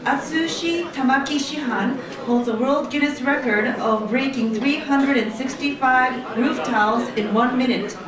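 A woman's voice: sits high, takes it slowly, hardly any pauses. A woman making formal announcements at a live event. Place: large indoor banquet hall. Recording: echoey hall from far off, crowd noise. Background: crowd noise.

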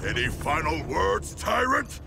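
Formal, grandiose shark monster. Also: male voice, very animated, measured pace, full character voice. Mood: grand challenge. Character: hulking, formal, literal-minded male shark monster. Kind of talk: video game cutscene acting. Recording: clear background noise, vehicle rumble.

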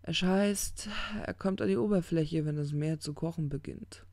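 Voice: medium pitch, moderate pace, a little mellow, no room sound, lightly acted. A reader voicing a drunk, earnest male angel in an audiobook, who slurs and gropes for words. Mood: musing. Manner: slurred, searching for words. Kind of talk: audiobook character reading.

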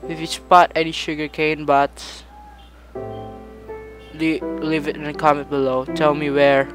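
Slow, chatty man narrating gameplay. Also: a little high, music in the background. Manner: rambling, chatty, prone to sudden excited outbursts. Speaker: gaming channel host. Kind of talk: casual gameplay commentary.

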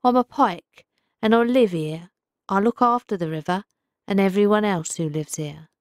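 A woman voicing a wise, kind old male pike in a storybook, speaking in a calm, gentle, reassuring way. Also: mid-range voice, normal speed, no echo, clean studio sound, lightly acted.

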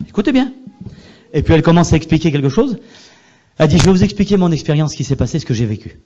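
Fast-talking pastor preaching his testimony. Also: fairly high pitch, very animated, highs cut off. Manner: storytelling, repetitive, emphatic; swings between hushed and loud passages.

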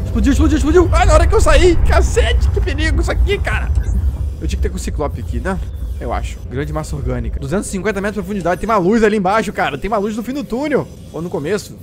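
A man with a Brazilian Portuguese accent giving excited, jumpy gameplay commentary, exclaiming and yelping when scared. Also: sits high, noisy background. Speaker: gameplay streamer.

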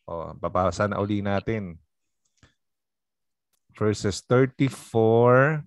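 A pastor leading a casual Bible study group, joking and retelling scripture in conversation. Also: male voice, fairly low pitch, extremely slow, no room sound, studio quality. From Philippines. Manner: jokey, conversational, reads scripture aloud.

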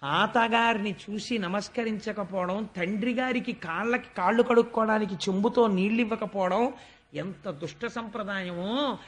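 High-pitched man, Telugu accent, devotional storyteller who recites verse and voices the characters. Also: normal speed, fairly bright tone. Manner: recites verses then explains them, voices characters' pleas. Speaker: religious discourse speaker.

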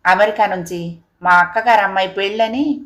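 A woman voicing a composed older woman back from abroad in an audiobook story, calm and lightly amused. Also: mid-range voice, moderate pace, natural voice. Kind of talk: audiobook character reading.

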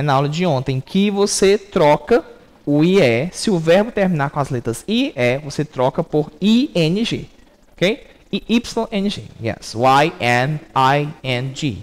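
Brazilian guy teaching a class, kinda high voice, takes his time, keeps asking ok?. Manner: explains step by step, checks in with frequent "ok?". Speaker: English teacher. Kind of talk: recorded class lesson.

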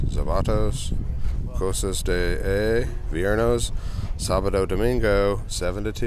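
Over a noisy background, a man with a fairly low pitch casually vlogs his flea market browsing. The reseller keeps things chatty and upbeat in this walkaround vlog, calling his viewers "you guys."

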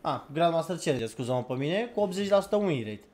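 A man's voice: a little high, animated, crowd noise. A man hosting a casual gaming chat, talking loosely with fillers and laughs. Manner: chatty, laughing, filler-heavy. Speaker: streamer host.

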